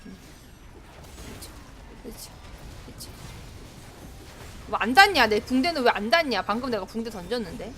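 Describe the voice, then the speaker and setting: A woman's voice: a little high, expressive, moderate pace, long pauses. A woman streaming a game live, chatting to herself and her teammates and often breaking into exclamations. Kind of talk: live gameplay commentary.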